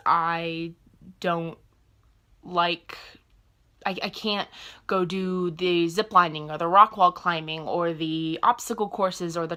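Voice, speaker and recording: A woman in her twenties speaks to her camera in a casual personal vlog. She rambles openly and corrects herself mid-thought. Her voice sits a little low but has a bright, forward edge. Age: 20s. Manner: rambling and candid, self-correcting mid-sentence. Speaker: vlogger.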